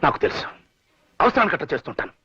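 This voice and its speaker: A man's voice: on the high side, very animated, very fast, bright, forceful tone, exaggerated voice. An actor playing a rich, scheming villain who mocks others and drops English words into his speech, heard as dull film audio over a music score. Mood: mocking. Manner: mocking, sprinkles English words.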